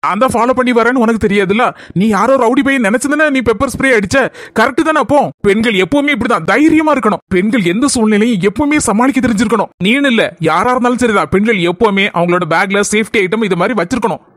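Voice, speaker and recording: A playful young man who keeps teasing and coaxing the girl he is chasing, put on by a woman in a cartoon. He talks quickly in Kanyakumari Tamil, in a high-set voice for a man, and the recording is close and dry. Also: dry recording, natural voice. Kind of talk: cartoon comedy voice acting.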